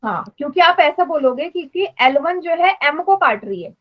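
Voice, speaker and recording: A woman's voice: sits high, expressive, moderate pace, muffled recording. A woman teaching math in a live online class, patiently explaining and quizzing students. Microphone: online class stream.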